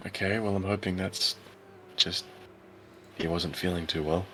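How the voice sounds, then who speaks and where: Deep-voiced man playing a tabletop game. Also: steady tone, unhurried, sharp tone, slight background noise. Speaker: player. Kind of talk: casual tabletop play.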